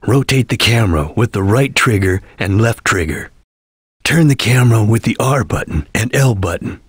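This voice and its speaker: A man's voice: lowish voice, animated, normal speed, breathy edge, no room sound, clean studio sound. A man playing a stern, disciplined ninja chameleon in a video game, speaking in solemn, formal, clipped declarations. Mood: calm, instructive. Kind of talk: video game character voice acting.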